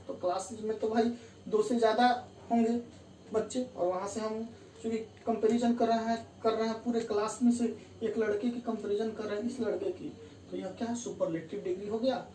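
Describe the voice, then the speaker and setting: A woman's voice: medium pitch, mellow. Woman teacher, step-by-step grammar explanation, repeats key words, echoey room, faint hum. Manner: explains step by step, repeats key terms and says "theek hai" to check understanding. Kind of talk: classroom lesson explaining grammar rules. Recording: distant roomy mic with faint room hum.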